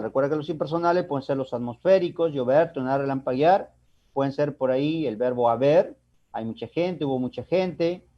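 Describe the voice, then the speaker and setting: A man teaching a language class, explaining step by step and asking and answering his own questions. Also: a little high. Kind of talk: recorded online class lecture. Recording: dull lo-fi recording.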